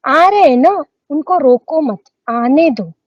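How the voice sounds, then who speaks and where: A woman's voice: high-pitched, lively intonation, slow, no echo, dull audio. A woman, a dentist, talking earnestly in casual chat about meditation, mixing in English phrases.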